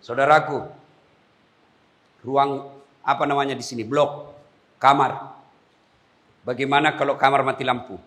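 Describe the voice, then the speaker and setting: Animated male preacher, bright voice. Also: mid-range voice, measured pace, long pauses. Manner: animated, swinging from hushed to shouted. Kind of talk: humorous sermon. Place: prison gathering.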